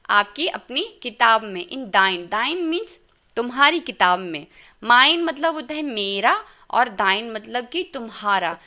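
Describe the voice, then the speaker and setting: A woman's voice: a little high, pushed and bright. A woman teaching German in an online lesson, patiently sounding out letters and explaining in Hindi mixed with English. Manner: patient, careful pronunciation, mixing Hindi and English.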